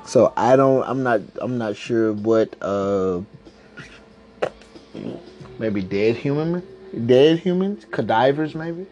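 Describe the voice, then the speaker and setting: A man's voice: mid-range voice, lively intonation, slow pace, mellow, soft background music. A man hosting a casual podcast from home, rambling along in slang and swearing freely. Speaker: podcast host. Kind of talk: casual chat.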